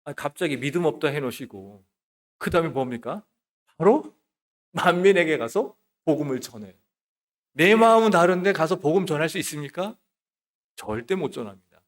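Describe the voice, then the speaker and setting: Expressive male pastor preaching a sermon. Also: a little high, moderate pace, pauses often. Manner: rhetorical questions, answering himself; swings between loud emphasis and soft near-whispers. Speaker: associate pastor. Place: church sanctuary.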